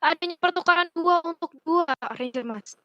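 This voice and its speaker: A woman's voice: very high voice, moderate pace, muffled recording, noisy background. A woman with an Indonesian accent giving live commentary on an esports match.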